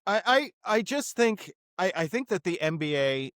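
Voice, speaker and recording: A man co-hosting a casual sports podcast who reasons through his points in a measured way. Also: high-pitched, sing-song, a bit bright, no echo, clean studio sound. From Boston area. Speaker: podcast co-host.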